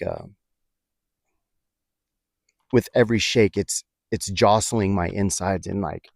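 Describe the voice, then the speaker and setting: A man recounts a personal experience in a low voice, pausing often and restarting his sentences. The sound is dry and close, with no room around it. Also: a little mellow, no echo. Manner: reflective, halting, many fillers and restarts. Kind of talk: personal storytelling.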